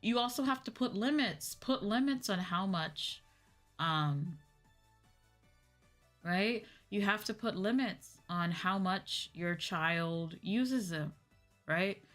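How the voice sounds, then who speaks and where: With music behind her, a young adult woman streamer chats conversationally on a VTuber livestream. Her voice is medium-pitched, slightly bright and slow, and she regularly checks in with "right?" and "you know."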